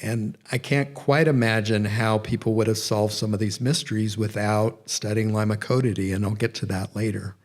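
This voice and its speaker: A man's voice: fairly low pitch, steady tone, normal speed, hardly any pauses. A middle-aged man giving a public lecture, rambling and correcting himself, with many fillers. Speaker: guest lecturer. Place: nature center event room.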